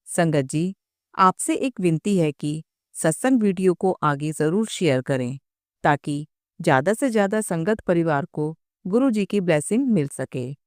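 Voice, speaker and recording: A woman host giving a calm, polite closing announcement for a devotional channel. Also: lowish voice, unhurried, no echo, studio quality.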